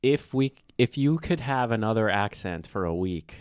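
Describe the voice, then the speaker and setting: Playful low-voiced male podcast co-host. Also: animated, clear, resonant tone, no echo, studio quality. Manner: playful, teasing, quick reactions. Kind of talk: casual chat.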